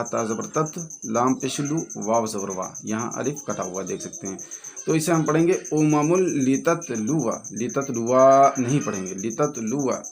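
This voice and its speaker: A man teaching a Quran reading lesson in an Indian Urdu-Hindustani accent, spelling out letters and vowels and then slowly blending them into words. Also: mid-range voice, a little mellow, a little hiss or hum.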